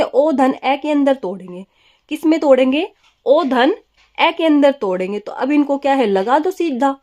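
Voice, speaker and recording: Here a high-pitched woman teaches grammar in a classroom setting, answering the very questions she puts to her students. Key words get repeated, and English terms are mixed throughout her talk.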